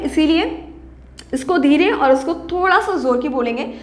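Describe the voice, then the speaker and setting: A woman teaching a primary school Hindi class online, patiently drilling words slowly and often asking "ठीक है?" with a rising lift. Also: high voice, a bit bright. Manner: slow, drawn-out word drills. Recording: roomy echo.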